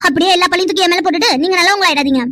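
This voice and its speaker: A woman voices a young cartoon woman with a very high, bright voice. She talks extremely fast in quick, indignant retorts. The sound is dry and close. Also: no echo. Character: young woman Vino, quarrelsome fiancée. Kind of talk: cartoon dubbing.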